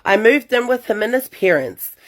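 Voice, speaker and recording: A woman's voice: a little high, normal speed. A young woman, reading listener confessions aloud as host and reacting with sassy asides. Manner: animated, sassy asides between read stories. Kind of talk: casual storytime reading with reactions.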